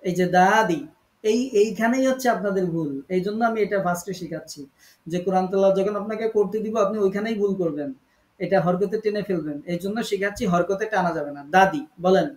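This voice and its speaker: A man with a fairly high voice leads an online Quran recitation class. He patiently corrects each student and repeats words slowly to model the sounds. The call has a roomy echo. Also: a little mellow.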